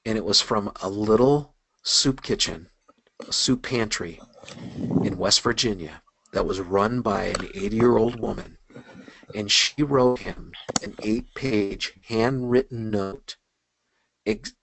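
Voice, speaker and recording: A man's voice: lowish voice, slow, creaky, poor audio. A middle-aged man presenting a fundraising webinar in a casual, conversational way, with frequent ums and you-knows as he tells stories. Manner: casual, conversational, many fillers like um and you know.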